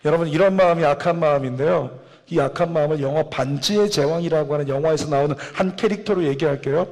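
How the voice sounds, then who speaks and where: Emphatic male pastor, sermon delivery. High voice, long church reverb. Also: fast, darkish tone. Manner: emphatic, preaching with rising fervor. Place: church sanctuary.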